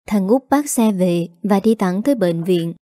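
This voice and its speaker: A woman narrating an audio story in an even, measured way. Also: mid-range voice, dry recording.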